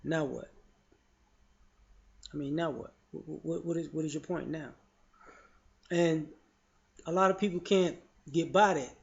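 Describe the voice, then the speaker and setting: A man's voice: on the high side, measured pace, vocal fry, long pauses. A man giving his opinions in casual spoken commentary, frank and loose, often saying "you know" and restarting his sentences. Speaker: vlogger sharing opinions. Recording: dull lo-fi audio.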